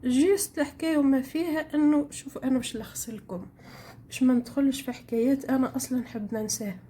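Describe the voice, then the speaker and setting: A woman's voice: high voice, rapid-fire, mellow, a little hiss or hum. A woman with a Tunisian accent chatting casually to her viewers while she cooks in her home kitchen, telling stories in a rambling way. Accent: Tunisian Arabic. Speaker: home cooking vlogger. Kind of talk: casual chat while cooking.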